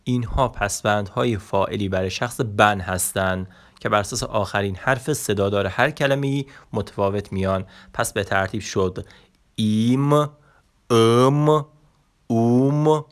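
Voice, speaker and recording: Deep-voiced man teaching a language lesson. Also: fairly bright tone. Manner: slow, explanatory, with many hesitation sounds.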